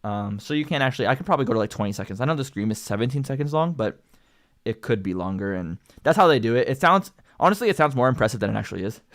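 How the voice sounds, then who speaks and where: Animated and racing, a young Canadian singer and channel host talks in a mid-range voice during a casual livestream about how his singing is improving. His Canadian English commentary rambles, stuffed with fillers such as like and um.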